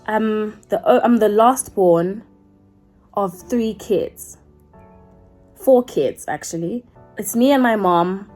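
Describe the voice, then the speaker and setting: A South African woman in her twenties, a YouTuber, chats casually to camera in a get-to-know-me video, rambling and correcting herself along the way. Her voice sits at a medium pitch and is a little mellow, moving slowly with long pauses. Soft music plays in the background.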